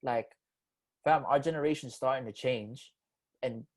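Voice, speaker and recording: A man's voice: medium pitch, measured pace. Guy in his 20s, casual slangy podcast talk, mid voice, earnest streak. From Philippines. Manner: loose slangy banter, earnest when serious. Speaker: podcast host. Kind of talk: casual chat.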